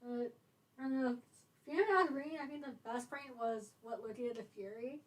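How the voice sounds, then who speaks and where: High-voiced giggly woman. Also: fairly even intonation, moderate pace, poor audio. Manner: giggly, mischievous, reads out chat comments. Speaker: co-host of a writing livestream. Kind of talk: casual chat.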